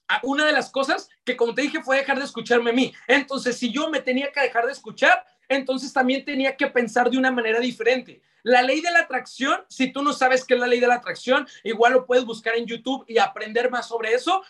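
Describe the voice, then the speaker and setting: A man's voice: extremely high pitch, fairly bright tone, recorded from a distance. A man with a Mexican accent giving a motivational talk on network marketing, blunt, slangy and emphatic, repeating his key points. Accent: Mexican Spanish.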